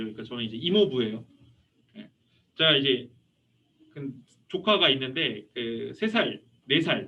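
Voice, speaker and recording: A man in his thirties, a youth pastor preaching a lively sermon, telling anecdotes and asking the congregation questions. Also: on the high side. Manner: animated storytelling, voicing a child and asking the audience questions. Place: church hall. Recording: muffled, from a distance.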